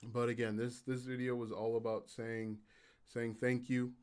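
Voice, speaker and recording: Hosting an informal live stream for his YouTube channel, the man has a gravelly, raspy voice. He comes across as even-tempered and low on energy, stopping and starting with fillers.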